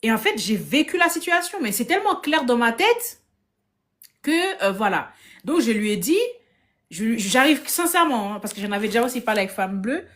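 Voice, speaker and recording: A woman telling a story casually on a live video stream from her phone. She speaks with lively energy, keeps restarting her phrases and acts out the lines of the people in her story. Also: on the high side, moderate pace. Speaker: guest on a live discussion.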